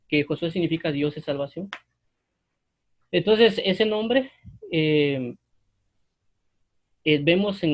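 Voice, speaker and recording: A man giving an unscripted Bible commentary, pausing often with fillers and restarts as he explains a passage. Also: on the high side, highs cut off. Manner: hesitant, many fillers and restarts. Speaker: Bible teacher.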